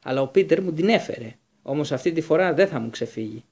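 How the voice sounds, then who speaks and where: A man's voice: a little high, expressive, a little mellow. A man voicing a gaunt, vengeful escaped prisoner who growls his lines fiercely in an audiobook.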